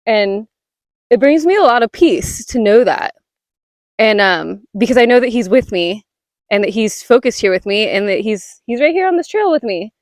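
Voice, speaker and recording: A woman's voice: on the high side, sing-song, moderate pace, no echo. A young woman talking casually while walking a rainy outdoor trail, rambling with many fillers and a little out of breath, on a close mic. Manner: rambling, lots of "like" fillers, laughs often. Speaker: spiritual vlogger. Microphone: body-worn mic close to the mouth.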